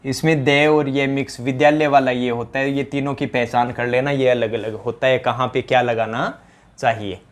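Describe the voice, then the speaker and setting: A man with a Rajasthani accent teaches an exam-prep grammar lesson in a mid-pitched voice. He drills every answer by asking the question again and again, and he keeps addressing his students as companions. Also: steady tone, moderate pace.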